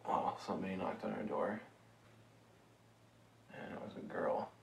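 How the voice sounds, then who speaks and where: A man's voice: sits low, moderate pace, vocal fry. An actor playing a pushy young man with a camcorder in a found-footage film, talking casually and naturally. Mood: uneasy, low-key. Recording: faintly noisy distant camcorder sound.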